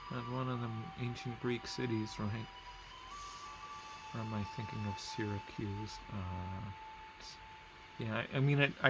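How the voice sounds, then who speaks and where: A gameplay commentator with a lowish voice casually narrates a strategy game while playing, with background noise behind him. In this let's-play he rambles and corrects himself as he reads out place names.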